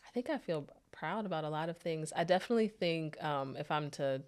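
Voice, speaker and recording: A woman's voice: deep voice, animated, a little fast, darkish tone. A woman in her thirties, a therapist and podcast guest, talking reflectively and searching for her words. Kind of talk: casual interview chat.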